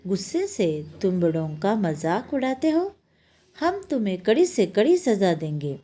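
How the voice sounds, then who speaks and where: Stern night queen judge voiced by a woman, commanding, mellow voice. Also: mid-range voice, very animated, a little slow, soft background music. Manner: scolding, commanding.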